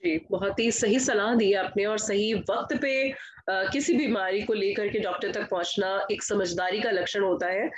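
A woman's voice: medium pitch, steady tone, normal speed, rough recording. A woman hosting a health interview, politely affirming her guest and asking questions. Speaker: health show host.

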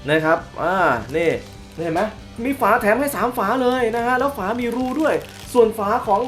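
Excitable man hosting a toy unboxing. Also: high-pitched, moderate pace, soft background music. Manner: excitable, exclaims often, hums sound effects while showing the box. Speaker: toy reviewer, channel host. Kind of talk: casual unboxing review.

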